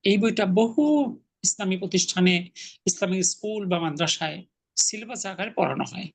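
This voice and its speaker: A man's voice: high voice, moderate pace, gravelly. A man teaching an Arabic class online, patiently explaining grammar and correcting his students' pronunciation.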